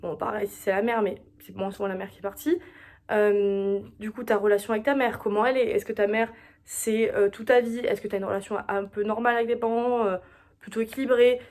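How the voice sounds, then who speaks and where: A woman's voice: medium pitch, steady tone, a little fast, a little mellow. A young woman hosting a solo podcast, chatting casually and confidingly, often coming back to the same phrase. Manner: chatty, confiding, repeats herself. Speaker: podcast host.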